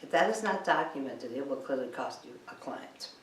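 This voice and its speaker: A cleaning business trainer with an extremely low, expressive voice gives an instructional lecture at normal speed, emphatic and insistent, often posing rhetorical questions. The room is echoey, the mic distant, and there's background noise.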